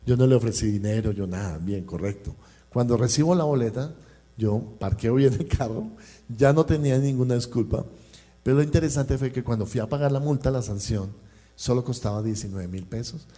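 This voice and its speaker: At a church service, a man with a Colombian accent preaches and shares a personal anecdote, voicing the dialogue and speaking straight to the congregation. His warm, medium-pitched voice moves a little fast.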